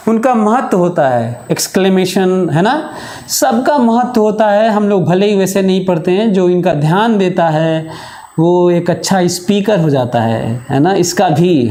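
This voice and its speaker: Male physics teacher, slow and measured, pausing to stress points, lecture in a reverberant classroom. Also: high voice, a little mellow. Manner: slow and deliberate, with held pauses. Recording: echoey room.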